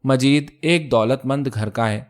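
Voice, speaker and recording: A male storyteller reading a short story aloud in a steady, measured way. His voice sits at an ordinary middle pitch and keeps an even pace through the narration.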